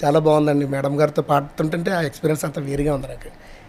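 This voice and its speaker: A man's voice: fairly high pitch, little pitch movement, fast talker, darkish tone. A man, a singer and mimicry artist, answering interview questions in an earnest, eager way. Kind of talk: casual interview.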